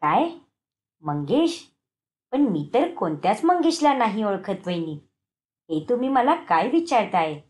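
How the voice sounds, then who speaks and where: A woman voicing a sly teenage girl, the younger sister-in-law, who talks defensively and pleads in a lowered voice. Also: very animated, a little slow, long pauses, a little mellow. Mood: defensive pleading.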